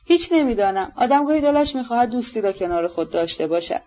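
A woman reading an audiobook, voicing a gentle, earnest young nobleman who speaks softly and sincerely. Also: a little high, animated, highs cut off, natural voice. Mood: reflective. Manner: soft, hesitant, sincere.

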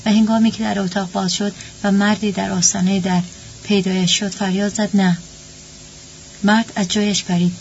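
A woman narrating a story at a steady, even pace. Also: medium pitch. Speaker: audiobook narrator. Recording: dull lo-fi with faint hum.

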